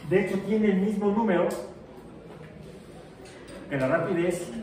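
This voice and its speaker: This male physics teacher lectures jokingly and quizzes his students, his voice sitting high with a darkish tone and an unhurried pace. He's far from the mic in an echoey room, and a little hiss or hum can be heard.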